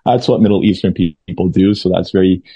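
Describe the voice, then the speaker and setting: A young man from Lebanon telling his life story as an interview guest, halting and full of fillers and restarts. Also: low-pitched, dark tone, husky, no room sound. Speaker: guest sharing his testimony. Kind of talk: conversational personal testimony. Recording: dull lo-fi sound.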